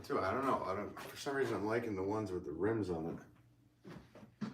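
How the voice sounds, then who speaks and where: A man's voice: fairly low pitch, lively intonation, fairly quick, a little hiss or hum. An American man hosting a casual livestream as a potter, rambling and chatty as he works and reads out comments. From United States. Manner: rambling, chatty, talking to himself while working.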